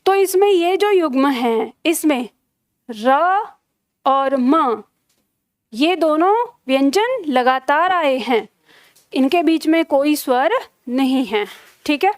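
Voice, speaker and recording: Young female teacher, high voice, dry close mic, patient and step by step. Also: lively intonation, dry recording. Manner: patient, repeats key terms slowly, checks "theek hai?". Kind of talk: live online grammar class.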